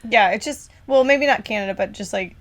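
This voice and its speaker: A woman's voice: mid-range voice, fairly quick. A young adult woman co-hosting a casual podcast, rambling and filling her talk with "like.". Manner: rambling, heavy use of "like" fillers. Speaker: podcast co-host.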